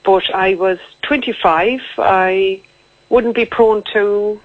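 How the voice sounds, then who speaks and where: A woman's voice: mid-range voice, fairly even intonation, slow pace, no room sound. A woman speaks with a west of Ireland accent over a thin, phone-like line. She is an interview guest recounting things in a conversational, matter-of-fact way, in a mid-range voice with little room sound. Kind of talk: radio interview, recounting own story. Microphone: telephone. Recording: tinny narrow-band phone line.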